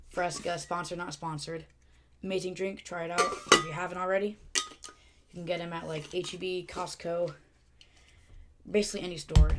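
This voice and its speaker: Chatty woman, lowish voice. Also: noisy background. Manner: chatty, rambling asides. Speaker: YouTuber. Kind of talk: casual script read-through.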